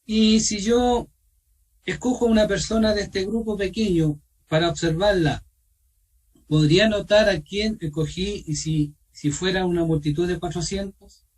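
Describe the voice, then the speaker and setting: A man with a Chilean accent teaching an online Bible study, asking his listeners questions and pausing with fillers. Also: high-pitched, recorded from a distance, poor audio. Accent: Chilean Spanish. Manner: asks questions of the group, repeats himself, pauses with fillers. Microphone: video call.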